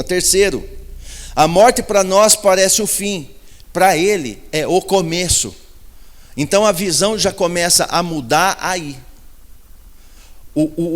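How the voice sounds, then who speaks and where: A man with a Brazilian Portuguese accent preaching a sermon, repeating his points with emphasis and asking rhetorical questions. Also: high voice. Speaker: pastor. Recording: long hall reverb.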